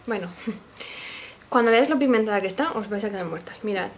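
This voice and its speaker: A woman with a Spanish accent from Spain speaks in a mid-range voice at a moderate pace, with slight background noise. She's a beauty vlogger in a casual makeup haul video, gushing excitedly and addressing her viewers directly.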